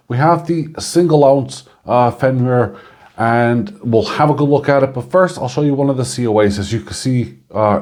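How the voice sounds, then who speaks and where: A man hosting his own channel, chatting casually through a coin review, chuckling now and then and filling pauses with ums and uhs. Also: medium pitch, a little mellow.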